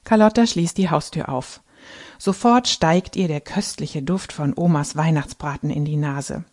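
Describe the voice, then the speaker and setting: A woman reading a Christmas story aloud with measured, expressive narration. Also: low voice. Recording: faint background music.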